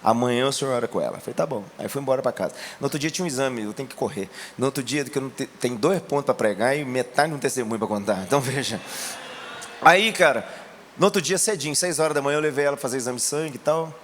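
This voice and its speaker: A Brazilian man preaching a sermon, telling a testimony in a colloquial way and rising to shouts. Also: mid-range voice, fast, slight background noise. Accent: Brazilian Portuguese. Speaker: pastor.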